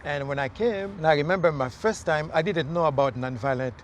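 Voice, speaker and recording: A man's voice: fairly high pitch, brisk, a little hiss or hum. A man from Haiti, a mayoral candidate, talking earnestly in a casual outdoor interview with many fillers and restarts. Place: outdoors in a city near traffic.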